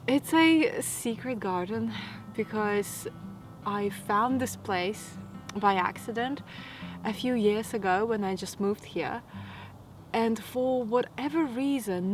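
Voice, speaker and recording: A thirty-year-old woman with a light Latvian accent speaks slowly and gently, as if confiding in a friend. Her voice sits in an ordinary middle register. Faint music plays under her voice, recorded outdoors by an old wooden fence. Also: mid-range voice. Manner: soft, unhurried and reflective, with light laughs. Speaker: vlogger. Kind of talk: calm Q&A talking to camera.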